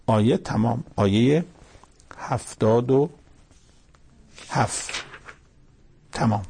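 A man's voice: mid-range voice, gravelly, dark tone, husky. A man preaching Quran commentary, building emphasis with rhetorical questions. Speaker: cleric teaching Quran commentary. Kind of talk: sermon.

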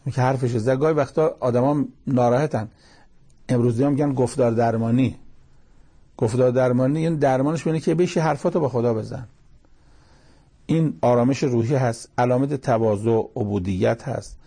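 A man's voice: mid-range voice, mellow, husky. A man giving a religious lecture, explaining verses in a plain conversational teaching manner with quoted asides. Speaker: cleric.

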